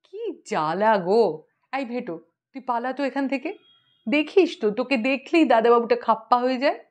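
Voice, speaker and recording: A woman voicing a patient, amused mother who speaks softly and soothingly. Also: fairly high pitch, lively intonation, moderate pace, natural voice. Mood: indulgent. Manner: soft, soothing, lightly teasing.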